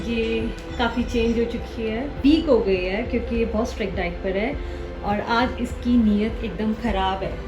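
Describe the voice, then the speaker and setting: Chatty young woman vlogger, somewhat high. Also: normal speed, over music. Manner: chatty, teasing, talks to viewers. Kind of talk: casual home vlog chat.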